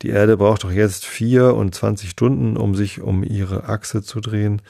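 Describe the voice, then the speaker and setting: A man's voice: fairly low pitch, fairly even intonation, a little slow, vocal fry, mellow, dry recording, clean studio sound. A man reading the lines of a polite, eager little girl from a storybook.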